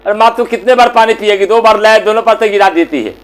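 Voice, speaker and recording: A man's voice: high-pitched, normal speed, close to an everyday voice. A man doing a snappish, irritable grown son. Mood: angry. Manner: snappish, scolding, exasperated.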